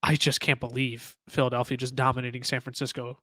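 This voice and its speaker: A man co-hosting a sports podcast, talking excitedly in casual chat with many restarts. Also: mid-range voice, fast talker, no room sound. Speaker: podcast co-host.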